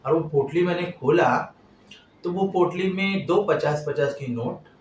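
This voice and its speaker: A middle-aged man tells a personal story in a halting, heartfelt way, his voice swelling and dropping. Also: on the high side, lo-fi sound. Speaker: vlogger. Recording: echoey, distant, noisy room.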